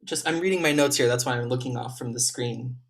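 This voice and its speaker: A man serving as a competition juror, giving gentle, encouraging spoken feedback to young players over a video call, with frequent ums. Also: mid-range voice, fast talker.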